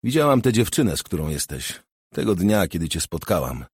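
A restless, streetwise young woman who teases and probes, her lines delivered by a man in a husky, low voice. The sound is dry and close, with no room around it. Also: very animated, fairly quick, dry recording, heavily acted. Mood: teasing.

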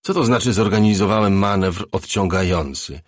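A man's voice: sits low, normal speed, no room sound, clean studio sound. A man voicing a curt, tense young man in an audiobook.

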